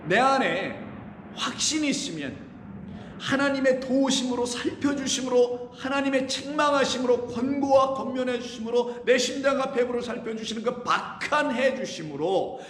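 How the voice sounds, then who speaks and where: A man preaching a sermon in a fairly high voice, earnest and drawn out on the phrases he stresses. His voice rings through a big church room with a long, lingering reverb. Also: a bit bright, slight background noise. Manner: earnest preaching, rising and slowing on key phrases. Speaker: pastor. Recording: echoey church hall.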